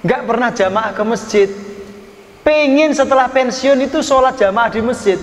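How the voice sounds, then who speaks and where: A man's voice: extremely high pitch, moderate pace. A man preaching a sermon, telling folksy stories and teasing his listeners. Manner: folksy storytelling, teasing the audience. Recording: echoey hall from far off.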